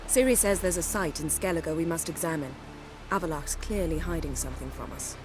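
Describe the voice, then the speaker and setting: A woman playing a haughty, shrewd sorceress in a video game, with a formal, measured and imperious manner. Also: deep voice, over music, close to an everyday voice. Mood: suspicious, cool. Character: haughty, shrewd, sharp-tongued adult sorceress.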